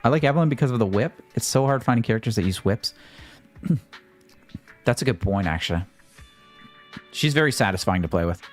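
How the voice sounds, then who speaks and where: A man's voice: medium pitch, expressive, moderate pace, pauses often. A man streaming a video game, giving casual, joking commentary and swearing freely. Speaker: gaming livestreamer. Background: faint game music.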